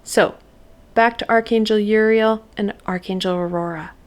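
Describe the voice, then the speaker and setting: Speaking to her viewers in a mid-range voice with fairly even intonation, a woman offers a spiritual oracle card reading. Her manner is soft and encouraging, with reflective pauses.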